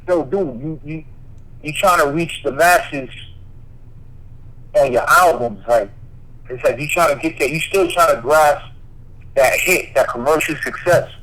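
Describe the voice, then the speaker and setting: Man, podcast co-host, somewhat high voice, emphatic, interrupting, casual debate. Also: a bit bright, rough recording. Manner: emphatic, keeps cutting in with "listen". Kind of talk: casual heated chat.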